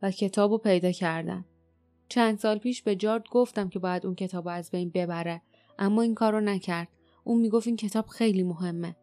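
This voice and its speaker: Woman reading a grim, weary male warrior, gruff and low-key, mid-pitched, faint music under it. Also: warm tone, no echo, lightly acted. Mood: muttering.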